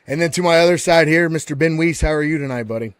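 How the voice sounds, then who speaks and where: A man's voice: a little high, fast, clean tone, no room sound. A man hosting a live online panel in a casual, folksy way, calling everyone buddy and often restarting his words. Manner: frequent restarts and repeated words. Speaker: host of a live panel show.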